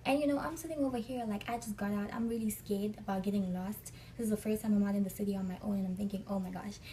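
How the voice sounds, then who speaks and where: A woman's voice: mid-range voice, steady tone, fast, warm tone, far from the mic, slight background noise, rough recording. A young woman from Africa, chatting through a storytime vlog and acting out the people she quotes. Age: young adult. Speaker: vlogger.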